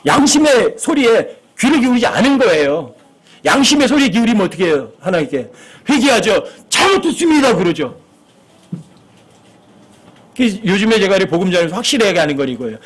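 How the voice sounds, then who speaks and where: A man's voice: high-pitched, very animated, fairly quick, long pauses, breathy edge. A male pastor preaching a sermon in church, talking conversationally and asking his listeners frequent rhetorical questions.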